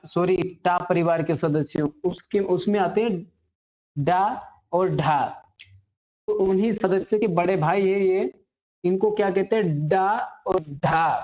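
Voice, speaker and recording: A woman teaching a Hindi grammar lesson to students. She often checks in with "ठीक है?" and slows right down to spell out sounds and definitions. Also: on the low side, a little mellow. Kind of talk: online classroom lesson. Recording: slightly dull lo-fi audio.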